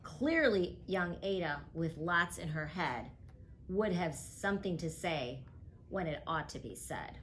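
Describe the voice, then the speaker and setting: Slow, expressive woman reading a rhyming book. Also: on the low side, slight background noise. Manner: rhythmic, expressive rhyming delivery. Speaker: guest reader. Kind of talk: picture book read-aloud.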